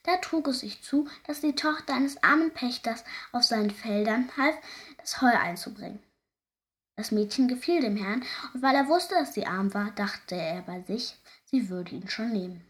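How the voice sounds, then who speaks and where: A woman narrating a folk fairy tale in a lively, expressive way. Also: fairly high pitch, moderate pace. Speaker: storyteller.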